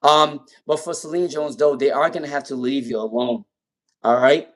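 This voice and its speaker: This man, whose first language isn't English, speaks with a non-native accent and a speech impairment in a slightly high voice at a moderate pace. As a tarot reader giving live readings, he repeats names and questions over and over while pulling cards.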